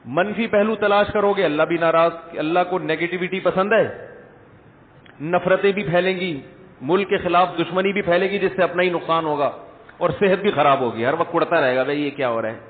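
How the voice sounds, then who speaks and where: Male preacher, Friday lecture, chatty rhetorical delivery, long hall reverb. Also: high-pitched. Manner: conversational, rhetorical questions, jokes with audience. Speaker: religious scholar. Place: large echoing hall. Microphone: speaker system mic. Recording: echoey hall over tinny lo-fi line.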